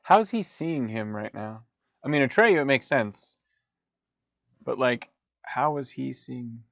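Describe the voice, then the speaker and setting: A man's voice: medium pitch, lively intonation, slow pace, vocal fry, no echo. A man co-hosting a podcast, riffing sarcastically on a movie with rambling jokey asides. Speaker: podcast co-host. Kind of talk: joking movie riff commentary. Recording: dull lo-fi dry sound.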